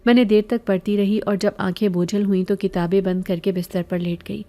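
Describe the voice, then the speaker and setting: Mellow woman telling a horror story. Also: medium pitch. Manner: even, measured storytelling. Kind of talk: scripted first-person horror narration.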